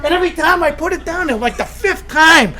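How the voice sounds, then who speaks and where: A man's voice: very high voice, animated, a little fast, bright, forceful tone. A man from Florida speaking at a recovery meeting, telling a humorous story and chuckling through it with stumbling restarts. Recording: audience laughter in the background.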